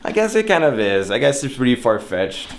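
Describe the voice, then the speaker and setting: Musing casually and poking fun at himself, a young native French speaker shares his opinions in an informal chat, his English accent French with an American influence. He talks a little fast at medium pitch, with big swings in pitch.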